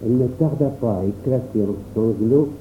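A man tells the story in the first person at a calm, measured pace, with a mid-range voice. The sound is thin and phone-like, with a faint noise underneath. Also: mid-range voice. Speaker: narrator. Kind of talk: storybook narration. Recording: tinny phone-like audio with faint hum.

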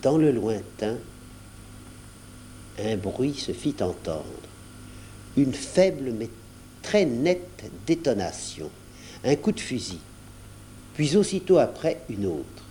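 A man narrating a children's storybook aloud in an expressive, varied storytelling manner. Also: medium pitch, slow pace, long pauses, slight background noise. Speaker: audiobook narrator. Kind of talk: storybook read aloud from cassette.

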